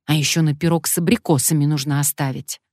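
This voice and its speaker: A woman voicing a brisk, bossy middle-aged woman who teases and gives orders, in a low voice. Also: steady tone, a little mellow, no echo, clean studio sound. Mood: bossy ironic.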